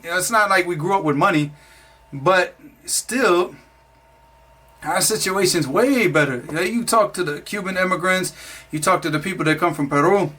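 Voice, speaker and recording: A man from Florida recounts his past in an easygoing, rambling storyteller's voice. His tone sits a little high and comes across bright and forceful, with plenty of fillers and self-corrections. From Florida, USA. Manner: rambling, many fillers and restarts, laughs at himself. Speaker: narrator of his own life story. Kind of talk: casual spoken storytelling.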